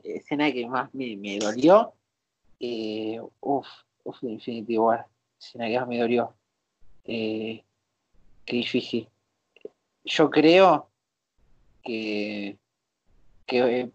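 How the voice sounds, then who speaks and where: A woman's voice: extremely low pitch, a little mellow, no room sound, dull audio. A woman with a Rioplatense accent in a casual podcast chat, hesitant and thoughtful, with many fillers. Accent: Rioplatense Spanish. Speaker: podcast co-host.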